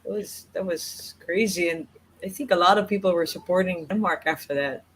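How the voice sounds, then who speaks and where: Male co-host, high voice, faint background hiss, stumbling questions. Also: moderate pace, a bit bright, poor audio. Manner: stumbling, repeats words. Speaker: podcast co-host. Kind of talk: casual interview chat.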